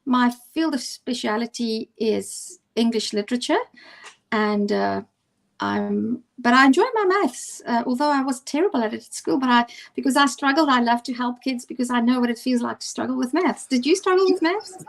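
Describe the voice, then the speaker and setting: Her voice slightly high and creaky at a moderate pace, this Afrikaans-accented South African woman, a teacher and co-host, chats casually over video. She sounds hesitant, frequently using fillers and starting her sentences over.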